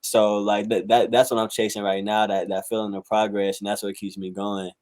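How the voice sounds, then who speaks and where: Being interviewed is a twenty-something American rapper and musician linked to South Carolina and Northern California, who rambles in slangy fashion, peppering his talk with "like" and "you know." He speaks a bit quickly in a lowish, flat, somewhat mellow voice, with no room sound.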